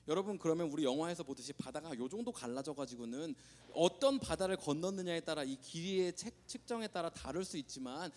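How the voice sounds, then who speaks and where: A man preaching a sermon as a pastor, telling Bible stories with lively, acted-out voices for the characters. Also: fairly high pitch. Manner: animated storytelling, acting out Bible characters. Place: church sanctuary. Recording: long hall reverb.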